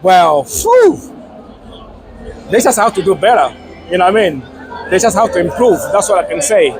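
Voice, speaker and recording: An excited man giving a casual post-match fan interview outdoors, emphatic and repeating his phrases. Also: high voice, moderate pace. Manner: excited, buzzing. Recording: noisy outdoor street with crowd.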